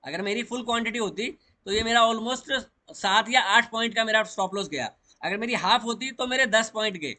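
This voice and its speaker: Bright-voiced man teaching chart trading. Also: sits high, normal speed. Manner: explains step by step, mixing English trading terms into Hindi. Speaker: stock market trading educator. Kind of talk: chart walkthrough lesson.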